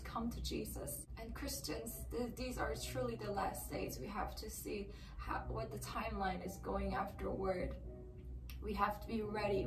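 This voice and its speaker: A young woman from Korea speaks earnestly and softly to camera, at times dropping to a breathy near-whisper. Her delivery stays level, with little rise and fall. The small indoor room sounds roomy and a bit distant, with steady hiss underneath. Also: mid-range voice. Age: young adult. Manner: soft, earnest, sometimes breathy. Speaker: channel host. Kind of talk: devotional video message. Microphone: phone camera close to her face.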